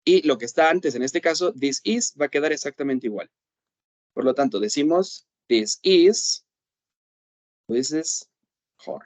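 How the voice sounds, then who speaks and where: A man's voice: a little high, lively intonation, no room sound. A man teaching an English class, explaining patiently and checking often that his students follow. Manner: patient, repeats "¿ok?" to check understanding; slows down to say English examples. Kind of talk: online class explanation in Spanish.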